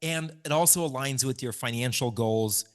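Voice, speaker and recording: A man's voice: medium pitch, moderate pace. A middle-aged man co-hosting a podcast, explaining things patiently and laughing often. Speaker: podcast co-host. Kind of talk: casual chat.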